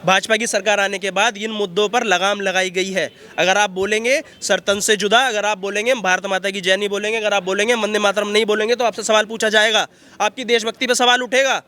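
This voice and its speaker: A man giving a heated, forceful street interview outdoors, repeating himself as he argues. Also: high voice, fairly even intonation, a little fast. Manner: forceful, repetitive ranting. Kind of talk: heated street vox pop.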